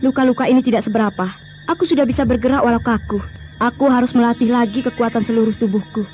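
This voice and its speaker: A woman's voice: a little high, fairly even intonation, quick pace, highs cut off, soft background music. An actress playing a stubborn, wounded young woman warrior, impatient and bantering, in an old radio drama recording. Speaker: Tri Andiani, a radio drama character.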